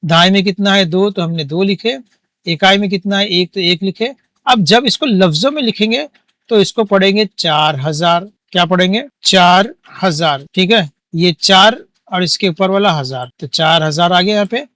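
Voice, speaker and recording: Male teacher, high voice, patient counting-aloud lesson delivery. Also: normal speed, fairly bright tone, no room sound. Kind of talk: classroom maths lesson.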